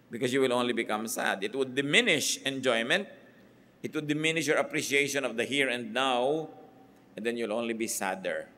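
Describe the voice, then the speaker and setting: A man's voice: mid-range voice, pushed and bright. Emphatic middle-aged male preacher. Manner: emphatic, mixes Tagalog and English, builds points in lists. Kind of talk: sermon.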